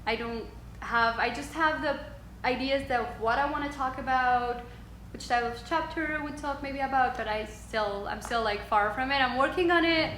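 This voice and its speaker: A young Swiss woman whose first language is French, a yoga instructor, is a guest in a casual interview. Her slightly high, fairly bright voice moves at a moderate pace, hesitant and full of ums and frequent laughs, echoing in a roomy space over faint background noise.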